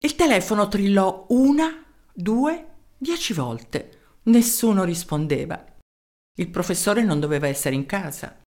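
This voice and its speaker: A woman reading a children's story aloud in an expressive narrating style. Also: mid-range voice, measured pace.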